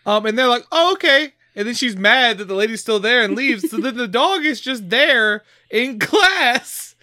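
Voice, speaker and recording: A woman in easygoing chat, adding to the story and trailing off with ums and uhs. Her voice is bright and the sound is dry and close. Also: fairly high pitch, moderate pace, dry recording. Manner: laid-back, chimes in, trails off with fillers. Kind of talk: casual movie recap chat.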